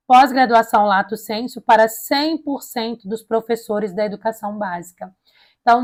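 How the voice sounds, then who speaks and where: A Brazilian teacher with a slightly high voice gives an informal lecture preparing students for a public service exam, explaining an education plan point by point. Her s sounds are tongue-tied and a bit slushy, and she speaks colloquially, asking and answering her own questions with frequent check-in tags.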